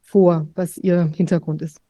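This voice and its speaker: A woman's voice: lowish voice, little pitch movement, unhurried, dark tone. A woman interviewer asking questions with searching, hesitant phrasing.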